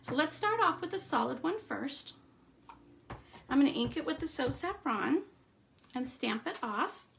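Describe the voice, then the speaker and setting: A woman giving a live stamping demonstration, chatting through each step and trailing off into quiet asides. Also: high voice, lively intonation, measured pace, creaky, pauses often, slight background noise. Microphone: streaming setup at a craft table.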